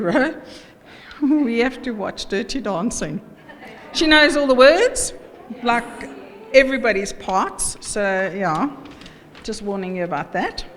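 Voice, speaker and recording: A middle-aged South African woman gives an informal wedding toast as mother of the bride, chatty, jokey and halting. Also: mid-range voice. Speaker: mother of the bride giving a speech. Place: wedding reception room. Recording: echoey hall, background noise.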